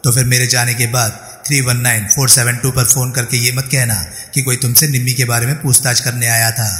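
A man voicing a sharp-tongued male investigator who scolds and sweetly mocks, in a story reading. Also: medium pitch, little pitch movement, a little fast, natural voice. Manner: scornful, then sweetly condescending. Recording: roomy reverberant room, faint music.

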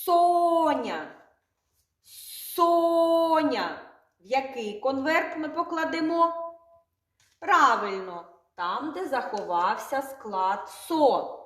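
A woman teaching a slow, sing-song speech lesson to small children, repeating each word clearly. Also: sits high, lively intonation, a bit bright. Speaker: kindergarten teacher. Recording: echoey room.

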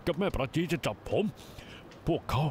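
A man's voice: on the high side, normal speed, a little mellow, slight background noise, natural voice. A man dubbing a surly, defiant young nephew in a drama, speaking sharply and combatively. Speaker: voice actor in a Thai dub of a drama. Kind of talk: dubbed TV drama acting.

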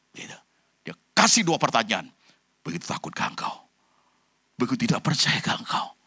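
A man preaching a sermon, addressing the congregation directly and swinging between loud high bursts and low quiet passages, dropping in English phrases. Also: husky. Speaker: pastor.

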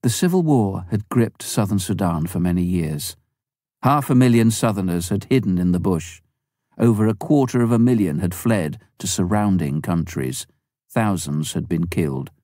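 Deep and warm, a male narrator reads a memoir for an audiobook with an even, measured delivery. The sound is close-up and dry, free of any room sound.

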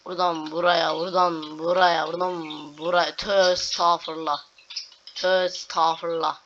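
A young man with a fairly high pitch, flat delivery, and normal speed gives casual commentary for a gaming video, describing each move and swearing at glitches. The lo-fi home recording sounds dull and carries clear noise.

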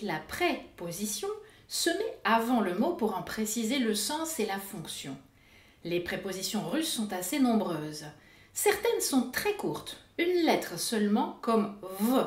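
Woman teaching pronunciation, lively up-and-down voice, sounds out words slowly and carefully. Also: medium pitch, reverberant. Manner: slow, careful over-articulation of example words. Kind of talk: explanatory lesson.

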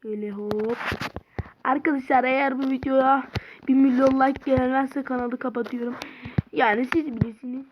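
A woman gamer chats casually with her viewers and rambles through let's-play commentary as she plays. Her voice sits high with fairly even intonation and a moderate pace. The recording is muffled, from a noisy home mic with clicks.

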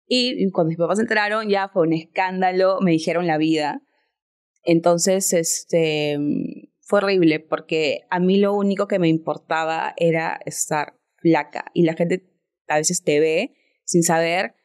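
A woman's voice: lowish voice, steady tone, a little slow, a little mellow. A woman, a podcast guest telling a personal story in an earnest, reflective way. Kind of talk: casual chat.

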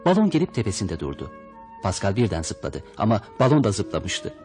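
Lively low-voiced male storyteller. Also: normal speed, soft background music. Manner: expressive, voices the characters' lines. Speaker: audiobook reader. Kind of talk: storybook narration.

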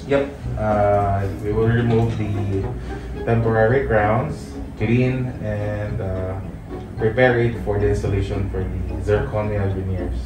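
A male dentist speaks through a face mask, explaining a dental procedure in a measured way, pausing on fillers. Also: lowish voice, fairly even intonation, over music. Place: dental clinic. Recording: echoey room with loud background noise.

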